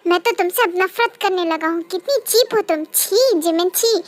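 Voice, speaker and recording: A possessive young husband from a read-aloud fan story, as a woman narrator puts him on in a very high voice. He pleads one moment and turns cold and scornful the next, without much change from the reader's own voice. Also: brisk, a bit bright. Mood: contemptuous. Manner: pleading, then cold and contemptuous.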